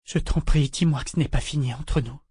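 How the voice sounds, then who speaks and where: A man's voice: a little high, fairly quick, warm tone, slightly rough, dry recording, studio quality, pitched above the performer's own voice. A man voicing a young woman who pleads in a breaking voice. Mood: distraught pleading. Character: young woman, distraught then pleading and tender.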